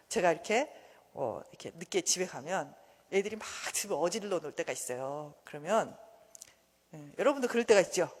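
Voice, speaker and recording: Her voice is husky and fairly low in pitch as she lectures at a church seminar. She talks with animation and performs quoted dialogue herself, with a long hall reverb on the recording.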